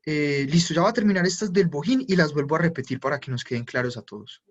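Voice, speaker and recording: A man's voice: on the high side, fast talker. A man teaching a German class, who patiently repeats each word pair and checks for questions. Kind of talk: live online class explanation. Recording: muffled lo-fi audio.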